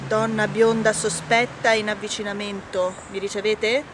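An actress playing a stern security guard who reports in a clipped, official way over a two-way police-style radio. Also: female voice, mid-range voice, level tone, normal speed, noisy background. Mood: alert.

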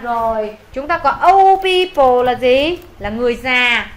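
High-voiced Vietnamese woman teaching English. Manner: brisk, drills vocabulary with repetition. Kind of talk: classroom lesson, reading aloud and translating. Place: classroom.

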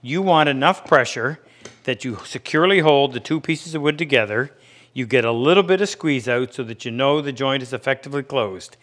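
A man in his fifties, working as a woodworking instructor, gives a plain-spoken, practical lesson in his workshop. His mid-range voice has a fairly bright tone, and he explains things unscripted while demonstrating by hand.

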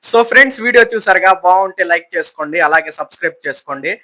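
A man filming a prank vlog on a phone at home, loudly and insistently calling out to his friend and teasing him. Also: high-pitched, animated, very fast, rough recording. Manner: loud, insistent, repeats calls and commands. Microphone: phone camera.

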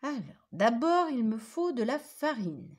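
A woman voicing a gentle, clumsy, good-natured male wolf in a storybook reading, in a lively, slightly raised voice. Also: on the high side, a little slow, pitched above the performer's own voice. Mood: hopeful.

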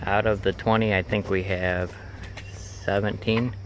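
A man's voice: fairly low pitch, little pitch movement, unhurried, fairly bright tone, slight background noise. A young man in his twenties chatting casually on a farm vlog, filming himself outdoors by a chicken coop on a handheld phone, rambling with fillers. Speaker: farm vlogger. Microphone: phone camera at arm's length.

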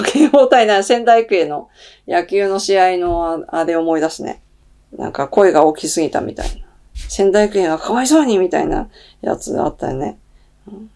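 A woman's voice: medium pitch, darkish tone. A middle-aged woman hosting her own channel, reading tarot cards and chatting casually, thinking aloud with many fillers. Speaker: tarot reader and channel host. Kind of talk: casual solo talk.

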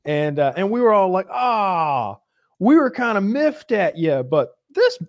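Lively, rambling male podcast host. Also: sits high, normal speed, no echo. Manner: rambling storyteller, restarts often. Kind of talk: casual chat.

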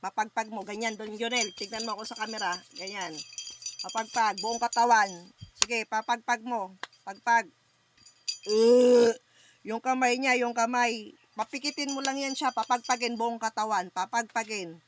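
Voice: medium pitch, steady tone, moderate pace, noisy background. Healer chanting prayers and barking commands. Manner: chants incantations, then gives repeated short commands. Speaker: faith healer. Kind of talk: online healing session with prayers and instructions.

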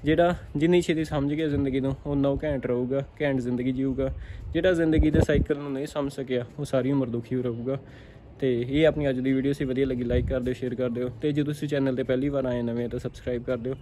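A man's voice: mid-range voice, fairly even intonation, quick pace, background noise. A man with a Punjabi accent, a dairy farmer giving a casual motivational talk to camera, repeating himself and checking in with "theek aa". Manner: repetitive, keeps asking "theek aa".

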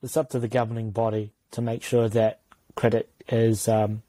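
A man's voice: lowish voice, little pitch movement, moderate pace, warm tone, dry recording. A man giving earnest opinions in a casual sports chat, sometimes stumbling over his words.

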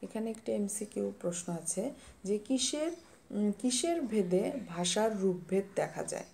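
A woman teacher explains a grammar lesson step by step, patient and unhurried, pausing to pose quiz questions. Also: medium pitch, animated, gravelly, dark tone. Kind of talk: classroom lesson reading notes.

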